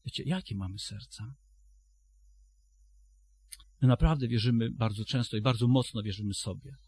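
Husky-voiced man preaching a sermon. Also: medium pitch, normal speed, a little mellow, no room sound. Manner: storytelling with frequent restarts, addresses congregation directly.

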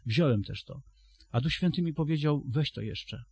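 A man's voice: fairly high pitch, moderate pace, breathy edge, no echo. A man preaching a sermon to a congregation, retelling a story and then addressing his listeners directly, often restarting his phrases.

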